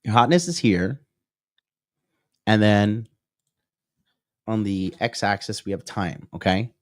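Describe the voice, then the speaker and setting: This lowish, slow voice belongs to a thirty-something male dating coach giving a whiteboard lecture over livestream. He peppers his points with "okay?" and "right?" and responds to viewer comments he reads out, in a studio-quality, echo-free recording.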